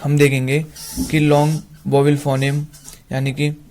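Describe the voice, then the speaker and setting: Slow, even-voiced Indian male teacher. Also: fairly high pitch. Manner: slow, repeats example words one by one. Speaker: English teacher. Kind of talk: Hindi-language phonetics lesson.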